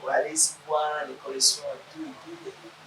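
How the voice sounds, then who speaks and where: A man's voice: a little high, huge pitch swings, brisk. A man from Togo, a guest artist, giving short agreeing answers in a casual interview. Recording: echoey room, mic far off, loud noise.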